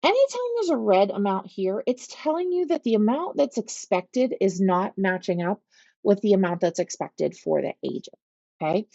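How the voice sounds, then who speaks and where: On a screen share, a real estate trainer from Pittsburgh, judging by her accent, guides agents patiently through software in careful steps, regularly checking "okay?" Her voice is mellow, dark and medium-pitched. The lo-fi recording is dry and a little dull, computer-mic style.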